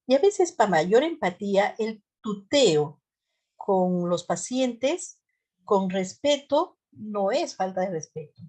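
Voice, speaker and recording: Peruvian highland woman giving a lecture. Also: very animated, slow, dark tone. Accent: Peruvian central highlands Spanish. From central highlands of Peru. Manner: conversational, sprinkles fillers and rhetorical questions. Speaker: health care trainer. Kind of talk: classroom lecture.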